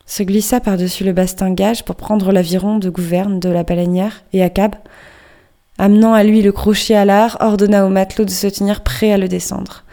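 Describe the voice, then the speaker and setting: Woman narrating an audiobook, mellow. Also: mid-range voice. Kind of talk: audiobook reading.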